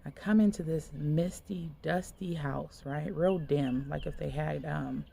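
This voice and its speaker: Woman minister, gravelly low-pitched voice, casual rambling sermon delivery, faint background hiss. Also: a little slow, warm tone. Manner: conversational, loose, many fillers like "like". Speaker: minister sharing a dream. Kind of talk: casual spoken sermon, retelling a dream.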